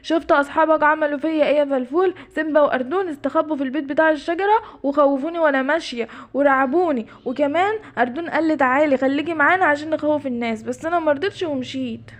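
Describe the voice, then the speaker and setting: A woman voicing a gentle, easily scared female giraffe in an Egyptian Arabic cartoon. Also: high voice, very fast, few pauses, natural voice. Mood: hurt. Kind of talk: cartoon voice acting.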